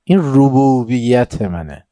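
A man giving a religious lecture to a seated audience. He tells stories with quoted dialogue and recited Arabic, swinging from soft asides to emphatic points. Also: mid-range voice, expressive, no echo. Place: room before a seated audience.

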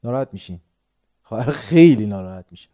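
A middle-aged man from Tehran giving a sermon to a live audience. He keeps asking the audience questions and moves between quiet musing and sudden loud bursts. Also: lowish voice, expressive. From Tehran, Iran. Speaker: religious lecturer.

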